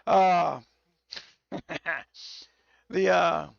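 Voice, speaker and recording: A hoarse, tipsy man hosts a live game stream, rambling and swearing through restarts. His voice sits high and is heavily gravelly. The audio is dull and dry, like a lo-fi stream mic. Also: steady tone, extremely slow, no echo. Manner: rambling and profane, with many restarts. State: tipsy from whiskey. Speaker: game livestreamer.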